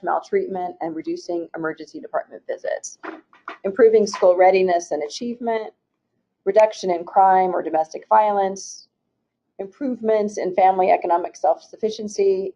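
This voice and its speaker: In a webinar, a woman from a state agency presents slides, reading out the program goals in a steady, formal manner and restarting now and then. Her pitch sits fairly low, and the audio is muffled and dull.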